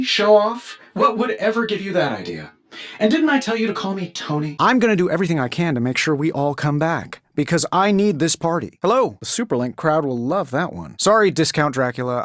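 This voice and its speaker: A man playing a cocky, quick-witted billionaire inventor superhero in a video game, with a glib, sardonic, wisecracking delivery. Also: fairly high pitch, a bit bright, no echo, clean studio sound. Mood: combative, sardonic. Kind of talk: scripted video game voice lines.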